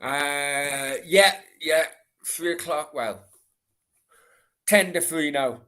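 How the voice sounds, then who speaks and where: Extremely slow and fairly high, with a pushed, bright tone, this middle-aged man from Merthyr in south Wales speaks in a Valleys accent. He hosts a casual late-night football Q and A on a livestream, rambling, cursing and saying things over and over.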